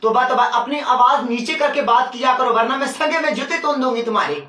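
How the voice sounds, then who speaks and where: A prim young woman, acted out by a man, lectures in a high, slow and haughty tone. Her voice rings around a roomy space and sits away from the mic. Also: animated, pushed and bright, full character voice. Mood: haughty scolding. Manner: scolding, haughty. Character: prim, scolding young woman who asks for the dishes to be washed. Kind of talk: comic sketch. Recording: roomy and distant.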